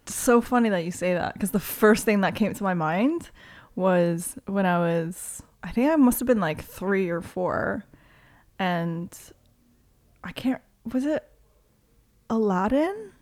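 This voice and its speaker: A woman's voice: medium pitch, expressive, unhurried, darkish tone. A young woman, a DJ raised in Toronto, chatting casually in an interview, filling her talk with "like" and laughing easily. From South Korea, raised in Toronto. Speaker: DJ and promoter, guest.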